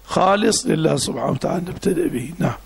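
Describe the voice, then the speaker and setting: A sheikh teaches a classical text in a gravelly, husky voice pitched somewhat high. He explains each phrase slowly, repeating key words and adding short affirmations. The delivery is a patient classroom lesson. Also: expressive. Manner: explains slowly, repeats terms, punctuates with "na'am".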